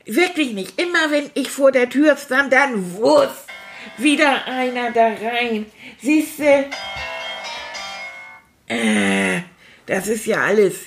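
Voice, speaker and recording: A woman's voice: on the high side, expressive, slow pace, pauses often, faint music behind. A woman voicing a sulky, childlike male character who chats theatrically and makes sound effects in a comic monologue. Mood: indignant.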